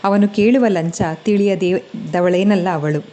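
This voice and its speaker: A woman's voice: medium pitch, measured pace, warm tone. A woman narrating a family love story, reading expressively and acting out each character.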